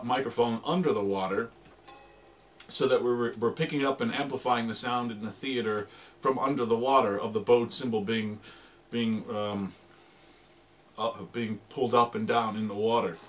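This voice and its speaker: With a medium-pitched voice, a man informally demonstrates and explains sound effects for radio drama, stacking up descriptive words as he goes.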